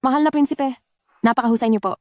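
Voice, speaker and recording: A woman dubbing a clever, bold young noblewoman in a period drama, quick and teasing. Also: high voice, no room sound, studio quality, natural voice.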